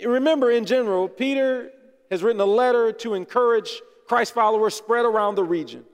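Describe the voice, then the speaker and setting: A high-voiced man preaches in a casual, conversational way, teasing his congregation now and then. His voice rings out with a long reverb from the church hall. He sounds like a pastor at ease at the pulpit. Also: a little fast. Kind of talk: sermon. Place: church sanctuary.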